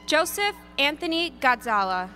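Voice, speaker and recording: A woman reading graduates' names at an outdoor graduation ceremony, announcing each one deliberately. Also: high voice, very animated, bright, forceful tone, faint music behind. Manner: deliberate, lilting name announcing. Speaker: graduation name reader. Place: outdoor stadium ceremony over PA.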